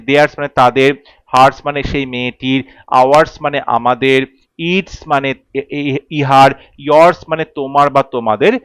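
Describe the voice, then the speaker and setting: A man's voice: fairly high pitch, fairly bright tone, clean tone, dry recording. A man teaching an English grammar lesson, explaining rules step by step and repeating the key points.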